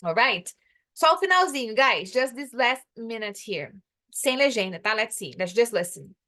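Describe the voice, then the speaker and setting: A woman's voice: on the high side, animated, sharp tone. Patient Brazilian woman teaching English. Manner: explains patiently, repeats English phrases slowly. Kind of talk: online English lesson in Portuguese.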